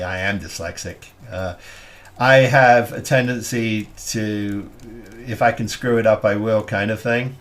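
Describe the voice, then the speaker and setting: A man talking through a scale model build step by step, halting and thinking aloud with plenty of fillers as he works. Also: medium pitch, a bit bright. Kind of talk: hobby build tutorial.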